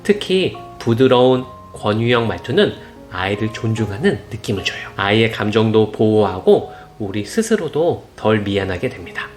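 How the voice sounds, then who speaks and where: A father gently narrating parenting advice in scripted form, reassuring and warm in his words, now and then acting out short quotes. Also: very animated, moderate pace. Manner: gentle, reassuring tone, acts out parent and child quotes in higher voices. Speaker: parenting channel host. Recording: soft instrumental music behind.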